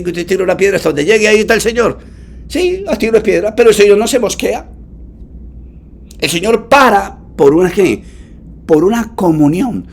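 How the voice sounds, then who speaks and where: A man, preaching a sermon to his congregation. He leans hard on words for emphasis, talks fondly to his listeners and has them repeat lines after him. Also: sits high. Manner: affectionate asides to the congregation. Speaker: pastor.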